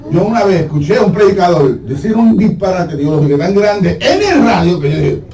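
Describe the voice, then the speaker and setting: A man's voice: high-pitched, animated, a little fast, dark tone, distant mic. A man preaching a sermon as pastor, telling stories with humor and acting out voices. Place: church sanctuary. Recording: echoey hall from afar, faint noise.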